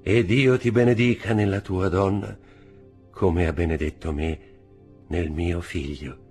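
A frail old father, as a male reader voices him, soft and quiet and tender. He speaks slowly. He sounds like a character from a classic novel read aloud. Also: sits low, fairly even intonation, husky, soft background music, heavily acted.

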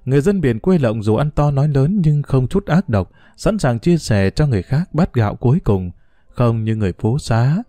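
A man narrating an audiobook in a steady storytelling manner. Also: mid-range voice, moderate pace, no echo, faint music behind.

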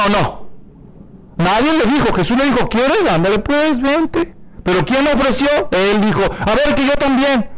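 A male pastor preaching a sermon in a direct, colloquial, animated way, slowing and speeding up for emphasis. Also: high voice, poor audio.

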